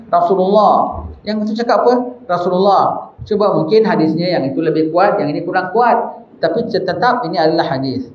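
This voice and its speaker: Male Malaysian Malay preacher, animated sermon delivery, muffled recording with faint hiss. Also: high voice, echoey room. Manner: animated, mock-arguing in a rising, incredulous voice. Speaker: religious teacher.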